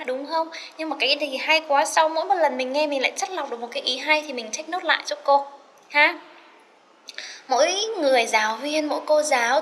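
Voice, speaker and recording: A woman teaching an English lesson, chatty and encouraging, slowly repeating words to drill their pronunciation and mixing in English phrases. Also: high voice, fairly bright tone, a little hiss or hum. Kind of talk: recorded classroom lesson.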